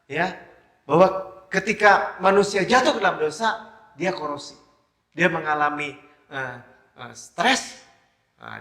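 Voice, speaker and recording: A male pastor delivers a sermon with a high, bright, forceful voice. He talks in short bursts broken by hesitations and a repeated affirming filler. The room around him rings with echo, as in a church hall. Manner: emphatic preaching with frequent hesitations. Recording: roomy echo.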